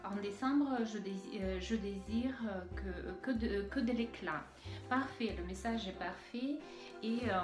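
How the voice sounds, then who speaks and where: A beauty vlogger with a Russian accent unboxes products while chatting casually, hesitating often with plenty of fillers and restarts. Her voice is medium in pitch, and the room is echoey.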